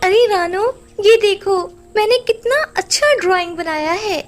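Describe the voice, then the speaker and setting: A woman voicing a clever, gentle young girl bird in a cartoon story, with a very high childlike voice. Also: moderate pace, faint music behind. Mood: excited.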